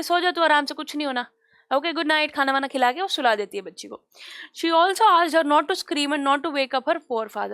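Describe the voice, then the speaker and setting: A woman's voice: high-pitched, fairly bright tone, smooth, dry recording, clean studio sound. A woman teacher explaining a story to her class, mixing English lines with Hindi retelling and asking questions as she goes. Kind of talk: Hindi-English literature lesson.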